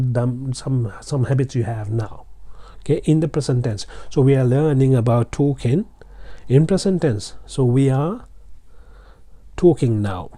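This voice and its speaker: In a relaxed, talkative English lesson, a Sri Lankan teacher speaks straight to his students and cheers them on. He has a typical male pitch with a very dark, mellow tone, repeats and rephrases his ideas constantly, and leans heavily on fillers like "um" and "uh."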